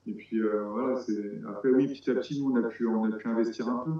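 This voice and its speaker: A man's voice: medium pitch, fairly even intonation, quick pace, mellow. A man from France talks about breeding frogs, hesitant and full of restarts. His voice rings in a very echoey room. The sound is dull and muffled. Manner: hesitant, many restarts, explains step by step. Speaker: amateur frog breeder. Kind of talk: casual conversational interview.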